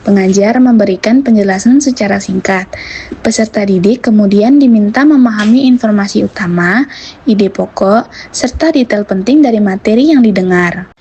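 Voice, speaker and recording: A husky-voiced woman narrates educational material from a script. Her pitch is average, and the recording is a little dull. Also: mellow. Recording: slightly dull, lo-fi voice-over.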